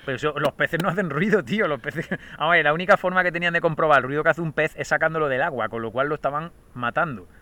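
A man's voice: on the high side, quick pace, few pauses, slight background noise. A man with a Spanish accent from Spain, co-hosting a casual comedic podcast, mocking and exclaiming as he laughs. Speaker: podcast co-host. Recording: loud music underneath.

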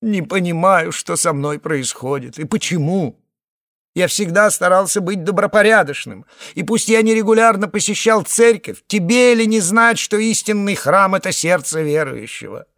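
Male reader as a frantic alien egg, high and wailing, begging for mercy. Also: animated, moderate pace, no echo, studio quality. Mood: pleading prayer. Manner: wailing, pleading, breaking into shouts. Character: panicky alien egg creature, male, a family man, hysterical and pleading.

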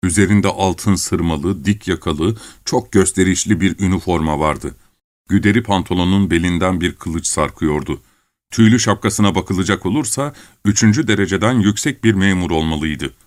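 A man with a low voice reads a story aloud at a measured pace, pausing deliberately between phrases. The recording is dry and close, with no room sound. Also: dry recording. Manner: measured, unhurried reading with deliberate pauses. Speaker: audiobook narrator. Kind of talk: storytelling narration.

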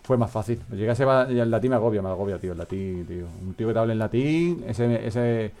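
A man's voice: lowish voice, quick pace, warm tone. A man hosting a casual comedic radio chat, rambling and joking and often trailing off mid-sentence. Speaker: podcast host.

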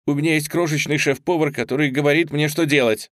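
A man's voice: a little high, steady tone, quick pace, dry recording, clean studio sound, voice pushed up, natural voice. A man voicing a clumsy young male cook who stammers and pleads in a flustered way.

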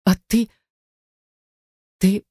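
A narrator voicing a frightened but stubborn young woman who answers back with a squeak in an audiobook. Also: drawn-out words, dark tone, no echo, studio quality. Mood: defiant. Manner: squeaky, sniffling, hissing. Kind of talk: audiobook dialogue.

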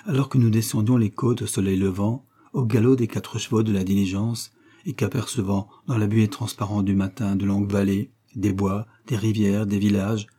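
A man reading the part of a young woman confessing an affair to her sister, in a soft, wistful audiobook delivery. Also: lowish voice, breathy edge.

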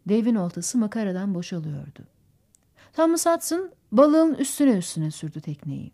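A woman narrating a literary audiobook in a measured storytelling manner. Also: medium pitch, very animated, dark tone. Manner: measured storytelling, voices characters.

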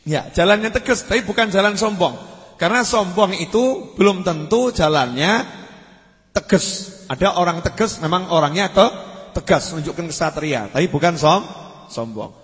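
A man giving an Islamic study sermon. He repeats and stretches key words, and his phrases often trail off low. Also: lively intonation, moderate pace, a bit bright. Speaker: preacher. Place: mosque study hall. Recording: long hall reverb.

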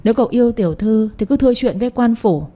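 A man's voice: extremely high pitch, lively intonation, fast talker, mellow. A woman voicing a male household servant who scolds and gloats while accusing in a storybook reading.

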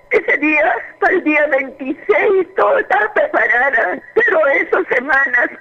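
A woman calling in to a radio show, telling her story in a fervent, halting, repetitive way. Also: sits high. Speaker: radio call-in caller. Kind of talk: emotional personal testimony. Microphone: telephone. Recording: muffled phone line on AM radio.

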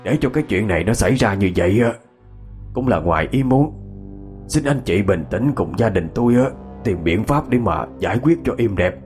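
A worried, apologetic older father, played by a man speaks low and haltingly with a Southern Vietnamese accent. Faint music runs under this audio ghost story. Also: lively intonation, darkish tone, natural voice. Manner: hesitant, humble, full of 'à' pauses.

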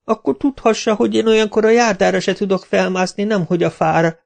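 A man voicing a whiny, dim-witted male night watchman in an audiobook, high and whining. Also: fairly even intonation, creaky.

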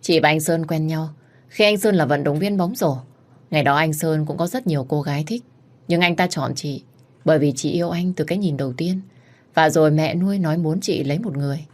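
A woman's voice: low voice, a little fast, darkish tone. Woman voicing a scheming young rival. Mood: confiding.

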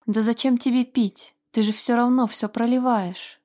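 A woman's voice: fairly high pitch, fairly even intonation, moderate pace, a little mellow, natural voice. A woman voicing Fiamma, a trembling tearful young woman. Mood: exasperated. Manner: trembling and pleading, flaring into angry outbursts. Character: frightened, tearful young woman nursing a dying man. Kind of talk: audiobook character reading.

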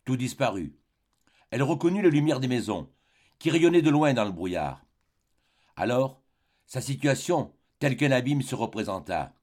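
A man narrating a literary audiobook in a measured, dramatic way, with short phrases and pauses. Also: mid-range voice, very animated, darkish tone. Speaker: audiobook reader.

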